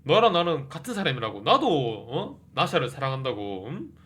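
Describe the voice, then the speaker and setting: A man's voice: medium pitch, very animated, moderate pace, fairly bright tone. A man voicing an arrogant, newer clone man who taunts his double. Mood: taunting.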